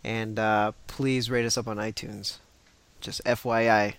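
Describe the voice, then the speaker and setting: A man's voice: lowish voice, little pitch movement, a little slow, a bit bright. A man hosting a casual video game podcast, upbeat and laughing often, with loose fillers. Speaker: podcast host.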